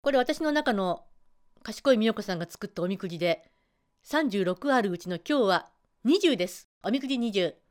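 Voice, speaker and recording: A woman's voice: medium pitch, animated, moderate pace. A woman voice trainer giving a chatty spoken self-help talk, acting out her students as she goes. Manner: chatty, acts out quoted students.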